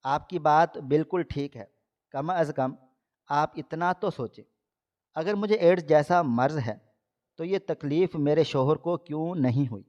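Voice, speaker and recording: A man's voice: a little high, a little mellow, close to an everyday voice. A man voicing a young married woman who pleads with her family, read in his own plain voice. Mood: pleading. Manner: pleading, insistent. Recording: dull lo-fi audio.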